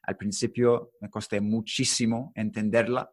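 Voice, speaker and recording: Relaxed low-voiced male interviewer. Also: normal speed. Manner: relaxed, asks short friendly questions. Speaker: interviewer host. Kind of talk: casual interview chat.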